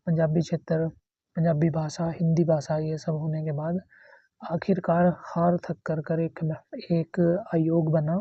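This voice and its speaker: A man explains history for an exam in an easygoing, repetitive way, going back over each point. His voice is gravelly and a little husky. The sound is dry and somewhat dull, as if from a basic mic. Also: on the high side, mellow, no echo. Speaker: teacher. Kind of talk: exam-prep history lesson.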